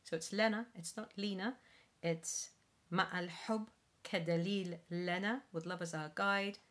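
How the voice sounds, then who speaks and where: A middle-aged woman, a singing teacher, slowly explaining pronunciation while reading from sheets in a small room at home. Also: on the low side, fairly even intonation, fairly bright tone. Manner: slow careful enunciation with spoken explanations. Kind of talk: pronunciation lesson read from sheets.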